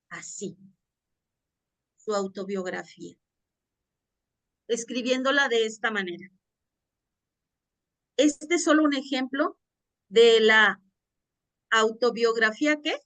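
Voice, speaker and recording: A woman's voice: a little high, slow, pauses often, a bit bright, dry recording. A woman teaching a class, reading a passage aloud and asking her students questions.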